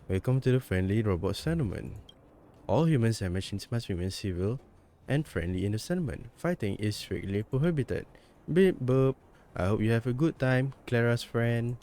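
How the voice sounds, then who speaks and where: A man's voice: medium pitch, warm tone, lightly acted. A man playing video games while voicing a polite little robot greeter in a clipped robotic way, with beep-boop sounds.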